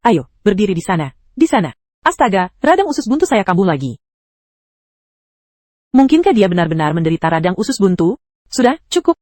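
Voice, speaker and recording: A computer-generated woman's voice reads an anime story recap at a quick clip, with a pitch that jumps around a lot. She voices every character herself without changing her sound, and the recording is close and dry. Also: very animated, a little mellow, dry recording. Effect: synthetic text-to-speech voice. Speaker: narrator.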